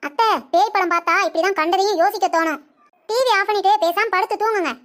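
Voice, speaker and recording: A high-voiced cartoon daughter-in-law, voiced by a woman. She speaks in a matter-of-fact, dismissive way, with dry humour. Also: fast talker, a bit bright. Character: sensible, dry-witted young daughter-in-law.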